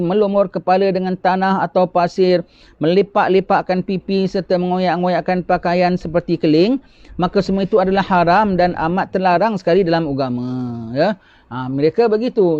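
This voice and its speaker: A religious teacher, a man with a rather high, darkish voice, delivers a lecture with patient explanations, repeating key phrases and posing rhetorical questions. The recording is dry, dull and lo-fi.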